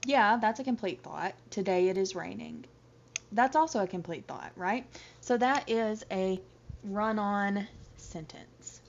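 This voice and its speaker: A woman's voice: mid-range voice, unhurried, slight background noise. Woman teacher, chatty recorded lecture, muffled lo-fi audio. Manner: chatty, explains step by step with examples. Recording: dull lo-fi audio.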